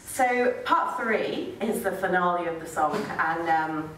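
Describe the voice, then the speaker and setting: On a small, dark stage, a young spoken-word performer delivers a comic piece live, mixing storytelling with dramatic reading in a wry, sarcastic style full of sweary asides. Her voice is fairly low, animated and fairly bright, at a measured pace. A stand microphone picks her up from a distance, so the venue sounds echoey with faint noise.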